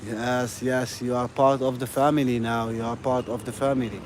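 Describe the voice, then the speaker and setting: A man talks into his phone as he walks outside, rambling in a friendly way and tossing in "you know" and "bro" all the time. His voice sits at an ordinary middle pitch for a man. Street noise and passing traffic come through clearly behind him. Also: little pitch movement, moderate pace, a little mellow. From Algeria. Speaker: live streamer. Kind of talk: casual live-stream chat. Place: outdoors on a city street, walking. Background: urban ambience and vehicles.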